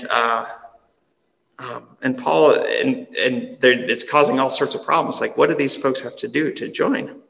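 Gravelly-voiced male pastor preaching. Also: mid-range voice, in a large hall, low-quality recording. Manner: earnest, conversational preaching that drops to soft, slow emphasis. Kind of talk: sermon.

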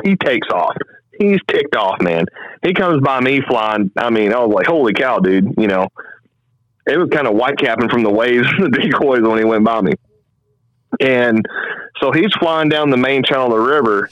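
Lively storytelling man, dry muffled sound. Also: mid-range voice, no room sound. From American Midwest. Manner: animated, quick storytelling with acted-out quotes. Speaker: podcast host telling a hunting story. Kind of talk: casual storytelling.

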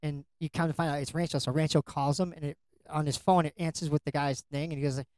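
A man's voice: a little high, little pitch movement, quick pace, a little mellow, no room sound. A man co-hosting a podcast, chatting casually about a film and giving earnest, encouraging advice, with stammered restarts. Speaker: podcast co-host. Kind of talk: casual movie review chat.

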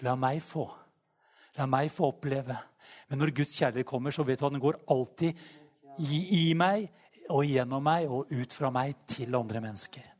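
A man preaching a sermon, fervent and animated, often calling out praise between his sentences. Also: medium pitch.

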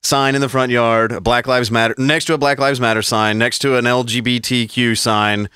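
A man's voice: medium pitch, little pitch movement, normal speed, sharp tone, clear, resonant tone, no room sound, clean studio sound. A man on a casual podcast, telling long rambling stories full of swearing. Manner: rambling storyteller, heavy swearing, mocking voices in quotes. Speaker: podcast co-host. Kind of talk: casual profane chat.

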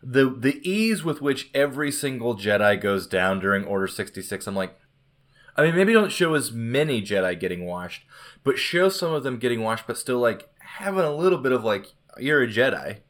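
A man hosting a casual podcast chat who critiques a film in an animated, enthusiastic way. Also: medium pitch, normal speed. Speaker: podcast host.

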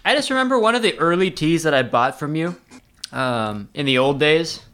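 A man tasting tea in a casual chat, relaxed and joking, with frequent "like" and "um" fillers. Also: on the high side, normal speed, clear, resonant tone. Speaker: tea enthusiast guest.

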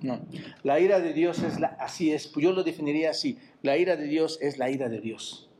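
Preaching at a moderate pace in a slightly high voice with a Mexican Spanish accent, a pastor asks his congregation rhetorical questions in church over slight background noise. He keeps repeating "hermanos," meaning "brothers," dropping to a quiet aside each time.

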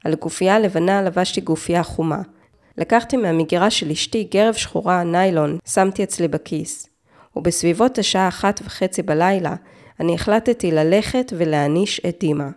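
A woman narrating a true-crime story, reading in a measured way with short, clipped phrases. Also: fairly low pitch, darkish tone. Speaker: podcast narrator.

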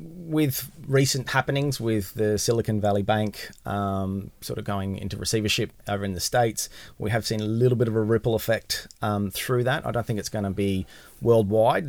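An Australian man talks as a finance guest on a podcast, explaining in a casual, hedging way. His voice sits fairly low with a clear gravelly creak. The recording is dry and close. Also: no room sound.

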